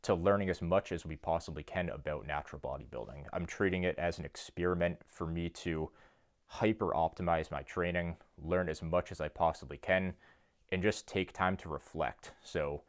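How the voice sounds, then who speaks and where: Young guy in his basement gym talking to the phone cam, really low flat voice, earnest, kinda monotone. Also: moderate pace. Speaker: fitness YouTuber and coach. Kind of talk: casual talk to camera. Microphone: phone camera.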